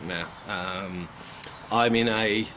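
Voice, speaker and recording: An Australian man with a British accent hosts a casual livestream for a carving group, greeting viewers in a subdued, hesitant mood. His voice sits on the low side, and he speaks haltingly with many pauses and restarts. There is background noise.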